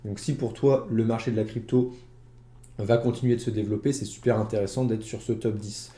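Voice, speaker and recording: A man's voice: fairly low pitch, fairly even intonation, fairly quick, mellow, echoey room. A man casually walking viewers through an investing platform, chatty and full of fillers. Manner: chatty, many fillers, addresses viewer directly. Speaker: investing YouTuber. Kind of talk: casual screen-share walkthrough.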